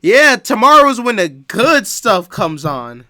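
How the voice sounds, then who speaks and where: A man's voice: sits high, sing-song, slow pace, sharp tone. A male streamer making sarcastic, mocking asides while watching a show. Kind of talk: casual stream commentary.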